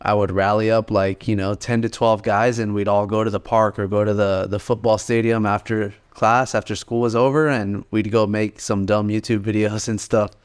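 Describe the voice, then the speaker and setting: A man's voice: on the low side, level tone, normal speed, few pauses, clean tone. A man in his late twenties telling his story in a laid-back, rambling way as a podcast co-host. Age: 20s. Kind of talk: casual podcast chat.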